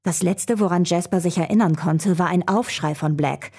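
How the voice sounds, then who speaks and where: A woman reading a children's adventure story aloud, telling it in a calm, even way. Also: lowish voice, moderate pace, slightly rough.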